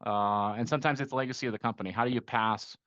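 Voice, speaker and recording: Talking very fast, a middle-aged man from a Costa Rican upbringing explains his investment work as a guest on a conversational podcast interview, where he's an investment firm managing partner. He restarts a lot and keeps adding a rhetorical "right?" His voice is medium-pitched, fairly even and fairly bright, with no room sound and the highs cut off.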